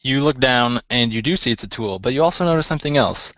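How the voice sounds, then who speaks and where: Chuckling game master with a dry, muffled sound. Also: male voice, mid-range voice, lively intonation, fast talker, fairly bright tone, no echo. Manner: laughs often, hesitant with fillers. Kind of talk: narrating a tabletop game.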